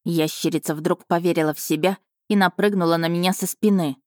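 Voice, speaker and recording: A woman's voice: lowish voice, fairly even intonation, fairly quick, no room sound, clean studio sound. Woman reading a sarcastic romance audiobook. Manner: sarcastic, indignant. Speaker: audiobook narrator. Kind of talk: first-person audiobook narration.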